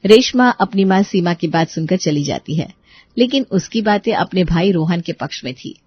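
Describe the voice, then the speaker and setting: A woman narrating a family story in a steady scripted reading. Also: fairly low pitch, moderate pace, breathy edge, dry recording, muffled recording.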